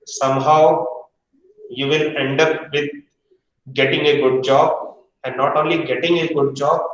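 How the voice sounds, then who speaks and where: A man teaching a hotel management practical class, stern and repetitive, pressing students for answers. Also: fairly high pitch. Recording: echoey room from far off.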